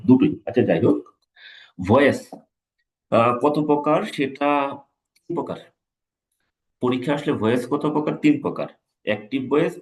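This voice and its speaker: A man, an English teacher, giving a live exam-prep lecture, repeating key points and checking in with his students. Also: mid-range voice. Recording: echoey room.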